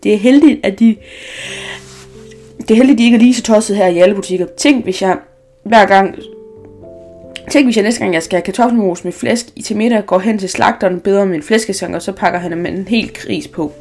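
A woman voicing a bold, cheeky young girl in a storybook reading, loud, lively and boastful. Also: mid-range voice, soft background music, lightly acted. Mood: indignant. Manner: lively, loud, fibbing with gusto.

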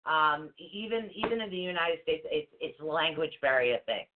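A woman's voice: deep voice, expressive, moderate pace, background noise. Woman, show host, rambling casual chat, allergy-stuffy, tinny phone-line sound. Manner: chatty, rambling, self-interrupting. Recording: tinny phone-like call audio.

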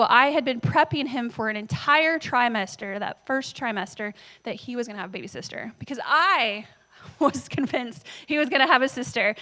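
A woman's voice: fairly high pitch, sharp tone. Woman pastor, chatty handheld-mic sermon. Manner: conversational, tells family stories, asks the audience questions. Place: church. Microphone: handheld microphone.

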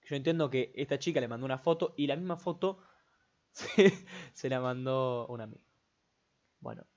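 A man's voice: medium pitch, moderate pace, a little mellow. A young man with a Rioplatense Spanish accent, hosting a casual solo podcast and rambling along with many filler tags. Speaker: podcast host. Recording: dull lo-fi recording.

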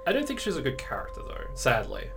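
A man's voice: on the high side, wildly swooping pitch, quick pace, fairly bright tone, faint music behind. A man co-hosting a podcast in casual chat, sarcastic and opinionated, swearing offhandedly. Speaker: podcast co-host.

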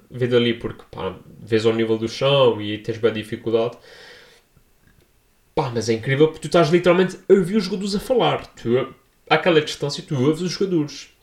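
A young man with a European Portuguese accent rattling through a story for his vlog, slangy and animated, never sitting still in one tone. His voice sits at a middle pitch. The sound bounces around an echoey room. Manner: animated, slangy, jumps into high-pitched voices for quoted people. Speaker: vlogger. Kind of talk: casual storytelling.

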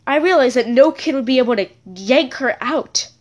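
A woman's voice: high-pitched, expressive, normal speed. A woman telling a childhood story in a casual, rambling episode, correcting herself and adding chatty asides.

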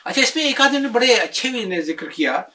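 A man retelling a memoir as casual talk, animated, acting out the quoted dialogue. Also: very high voice, distant mic.

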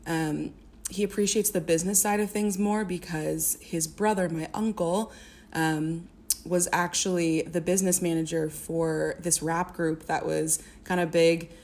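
A woman's voice: lowish voice, fairly even intonation, measured pace, darkish tone. A young woman from the American Midwest, a singer and music therapist, chatting as a podcast guest with many fillers and restarts. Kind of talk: casual interview.

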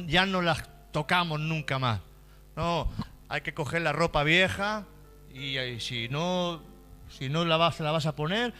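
Pastor guy preaching hard, high bright voice, soft music behind. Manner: impassioned preaching, swings from hushed prayer to shouting. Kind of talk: sermon.

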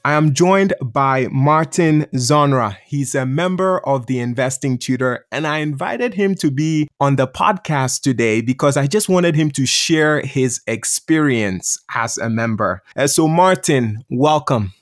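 A man's voice: medium pitch, a little slow, few pauses. Upbeat male podcast host. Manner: friendly, upbeat questioning. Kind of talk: casual interview.

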